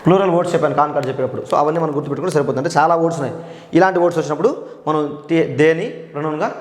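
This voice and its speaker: A man with a slightly high voice teaches grammar. He says each term slowly and often stops to ask the class a question. The room around him is echoey, with a long hall-like tail. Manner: repeats key words slowly, asks the class questions. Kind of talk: grammar lesson.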